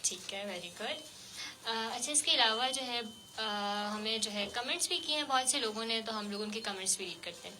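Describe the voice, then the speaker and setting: A woman hosting a radio show, interviewing a child guest with gentle, coaxing questions full of fillers. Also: on the high side, noisy background. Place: radio studio.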